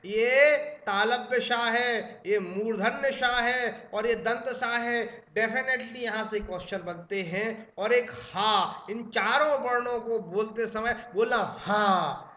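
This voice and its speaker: Bright, high-voiced male Hindi teacher. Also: highs cut off. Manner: addresses students as friends, has them repeat sounds aloud. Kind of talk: exam-prep lecture. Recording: roomy echo.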